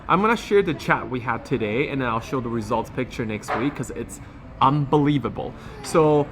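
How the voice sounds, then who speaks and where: A man's voice: mid-range voice, fairly bright tone. A man giving a casual, enthusiastic fitness recap to viewers, talking in slangy phrases with a slightly swollen lip. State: swollen lip affecting speech. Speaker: fitness challenge vlogger.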